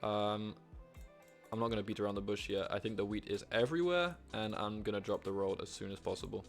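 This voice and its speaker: Gravelly-voiced young man streaming a game. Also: on the low side, a little fast, soft background music. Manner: excitable, swearing, talks to himself. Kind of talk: live gameplay commentary.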